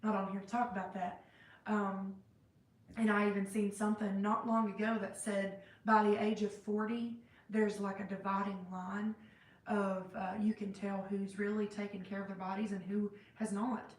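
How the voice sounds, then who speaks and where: A woman's voice: mid-range voice, flat delivery, normal speed. A woman vlogging in a casual, reflective way, rambling with many fillers and restarts, in a cold room indoors. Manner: self-described hyper and sentimental. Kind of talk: casual reflective faith-based vlog. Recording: roomy sound, mic at a distance.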